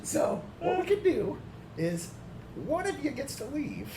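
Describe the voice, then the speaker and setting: A frail, evil old swamp hag taunts in a high, crackly sing-song, as a man puts her on during a tabletop game. Her shrill voice rises and falls slyly. It echoes in a room with steady background noise. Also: unhurried, heavily acted. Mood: taunting.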